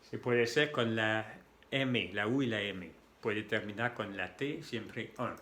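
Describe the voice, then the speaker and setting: A man's voice: fairly low pitch, slow pace, a bit bright. A man whose first language is French, patiently explaining pronunciation to beginners and repeating each sound aloud. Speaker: French tutor.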